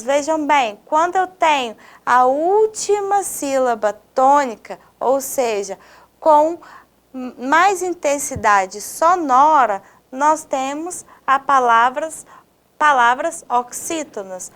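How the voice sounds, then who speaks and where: A woman teacher with a Brazilian Portuguese accent giving a video lesson to her students, stressing her words clearly. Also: sits high. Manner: slow, clearly stressed didactic delivery addressing students.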